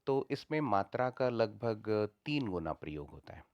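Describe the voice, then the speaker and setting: A man's voice: on the low side, very animated, a little slow, no echo, dull audio. A man teaching a lesson, patiently repeating each point in several ways. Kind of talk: explanatory lesson.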